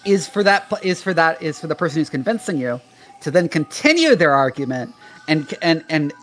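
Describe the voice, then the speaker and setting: A man's voice: on the high side, very animated, a little fast, a bit bright. A man in a casual chat, eagerly explaining the rules of a tabletop game at length.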